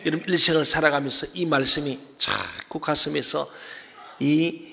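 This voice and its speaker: A man's voice: fairly high pitch, moderate pace, creaky, bright, forceful tone, big-room sound. A male pastor preaching a sermon emphatically, acting out the voices in the stories he quotes. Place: church sanctuary.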